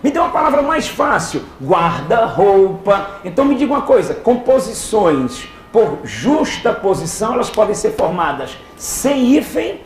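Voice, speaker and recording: A high-pitched man leads a lively exam-prep class. He keeps asking the students questions and answering them himself. An echoey hall carries his voice, with faint noise behind it. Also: moderate pace, few pauses. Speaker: teacher.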